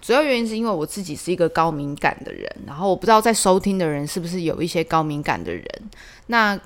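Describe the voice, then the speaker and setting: A woman hosting a casual solo podcast, telling stories in a chatty, animated way with lots of fillers. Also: lowish voice, quick pace. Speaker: podcast host.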